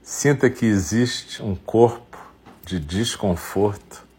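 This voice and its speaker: Very deep, husky Brazilian man guiding meditation. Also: darkish tone. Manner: unhurried instruction in short phrases with long pauses. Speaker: meditation guide. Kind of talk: guided meditation.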